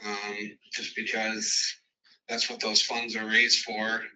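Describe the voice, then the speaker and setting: A man, a fire chief, heard on speakerphone and reporting to a committee meeting, halting with frequent ums and restarts. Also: lowish voice, completely flat delivery, bright, forceful tone. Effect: heard over a phone on speakerphone. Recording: distant speakerphone sound in a meeting room.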